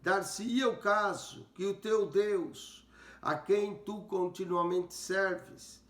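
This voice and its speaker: A male pastor voicing a grieving ancient king who calls out slowly and solemnly in archaic words. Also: high voice, a bit bright, pitched above the performer's own voice. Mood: sorrowful. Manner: slow, solemn, archaic speech. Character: sorrowful ancient king calling into a pit. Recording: roomy echo.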